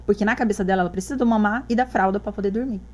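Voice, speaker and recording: Mulher, mãe convidada, fala rápida, conversa descontraída, imita as falas que cita. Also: female voice, medium pitch, racing, dull audio. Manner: lively storytelling, acts out quoted dialogue. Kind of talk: casual interview chat.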